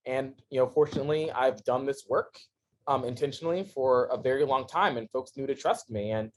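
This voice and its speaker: In a casual podcast interview, a guest in his thirties tells his story, laughing often and moving between excitement and quiet earnestness. His mid-range voice is brisk, picked up by a podcast microphone with a slight hiss or hum.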